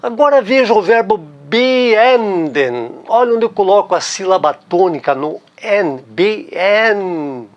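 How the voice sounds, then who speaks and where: A man's voice: high-pitched, brisk, few pauses, darkish tone, dull audio. A man with a Brazilian Portuguese accent teaching a language lesson, patiently repeating key words and checking in with the listener. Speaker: German teacher.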